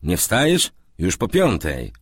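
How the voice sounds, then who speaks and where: Man playing a cranky young man, grumbling, shouting, husky. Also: low voice, wildly swooping pitch, slow pace, no echo, studio quality, exaggerated voice. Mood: irritable.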